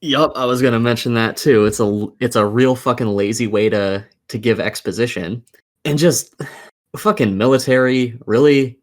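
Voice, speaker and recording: A podcast co-host with a medium-pitched voice keeps a moderate pace as he vents opinions on games and films. The rant is casual yet profane, exasperated and emphatic.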